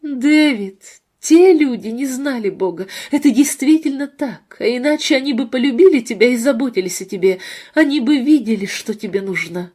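A woman's voice: a little high, animated, normal speed, few pauses, warm tone. A woman voicing an earnest young wife who pleads with her husband in a read-aloud novel. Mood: pleading. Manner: pleading, urgent.

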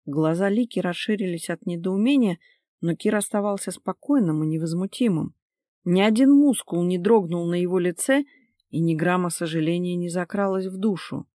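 A woman narrating a novel in a steady, expressive storytelling voice. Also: on the low side, normal speed, dry recording, studio quality. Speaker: audiobook narrator.

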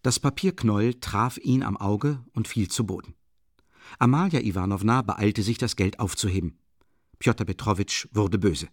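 A man narrating a classic novel as an audiobook reader, in measured, expressive storytelling. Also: fairly low pitch, no room sound, clean studio sound. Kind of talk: scripted literary narration.

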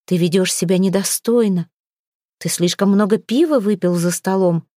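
A woman's voice: mid-range voice, normal speed, mellow, no echo, studio quality, natural voice. A woman reading the part of a firm, protective young woman, a healer who stands up for her patient. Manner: indignant, firm.

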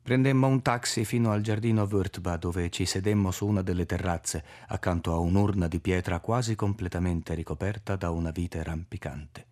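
A man narrating a literary audiobook in a measured, expressive reading. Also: sits low. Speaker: audiobook reader.

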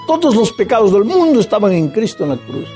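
A man preaching a Bible lesson, his voice pitched a little high yet dark and mellow in tone. He builds from quiet pleading to emphatic, impassioned peaks. A faint wash of music sits under his words. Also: big pitch swings, fast. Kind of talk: sermon-style Bible lesson.

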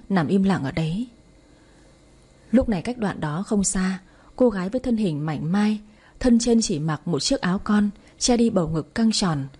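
A woman narrates a story in a soft, even storytelling voice. Her tone is dark and mellow, with a husky edge. She keeps a steady audiobook pace. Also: mid-range voice.

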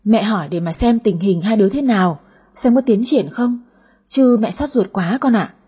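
A woman's voice: mid-range voice, moderate pace, mellow, breathy edge. A woman playing a nagging, fussing mother. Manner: nagging, complaining.

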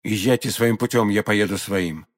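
A man's voice: on the low side, normal speed, voice pushed down, lightly acted. A man voicing a haughty, scornful nobleman in an audiobook, cool and disdainful. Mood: mocking. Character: haughty older male nobleman, scornful swordsman.

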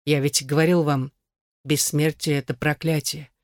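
A reader of an audiobook voicing a weary, gently ironic immortal man who speaks softly and sounds worn out. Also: mid-range voice, little pitch movement, normal speed, dry recording, studio quality, natural voice. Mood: weary, resigned.

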